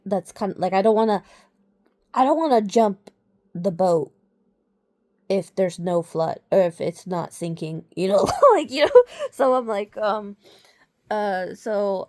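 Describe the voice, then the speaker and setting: A woman's voice: lowish voice, gravelly, dark tone. A woman talking casually to the camera in a rambling way, full of fillers and restarts. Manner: rambling, many fillers, frequent "like" and "you know". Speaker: vlogger.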